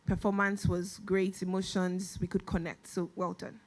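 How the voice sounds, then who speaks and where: A woman judge giving short, measured live feedback to a contestant. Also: fairly low pitch, flat delivery. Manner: measured, brief phrases. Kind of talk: live talent show feedback.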